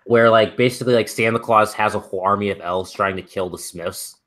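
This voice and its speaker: Young male stream host, low-pitched, rambling and filler-heavy. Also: fairly even intonation, fairly quick, a bit bright. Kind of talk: casual chat on a live stream.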